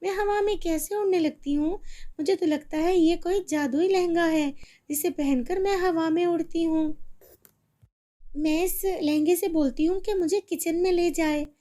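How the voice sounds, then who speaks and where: Storybook cartoon girl, small and easily frightened, shrill and high-pitched, mellow tone, as a woman puts her on. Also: unhurried. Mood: eager. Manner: high, excited, crying out.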